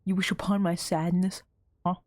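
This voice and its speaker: A young woman streamer with a low-pitched voice rants in a theatrical, mock-threatening way while she plays. Her speech swings between quick outbursts and slow, drawn-out teasing. It is recorded close to a desk microphone with a dry, dead sound. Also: little pitch movement, a little mellow, dry recording. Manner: playfully dramatic, mock-threatening rants at chat. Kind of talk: gaming livestream commentary.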